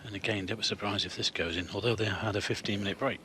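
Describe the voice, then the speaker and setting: A man's voice: lowish voice, steady tone, quick pace. A man giving snooker commentary as a co-commentator, analysing the shots. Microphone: commentary microphone. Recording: noisy arena with crowd sound. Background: crowd and arena noise.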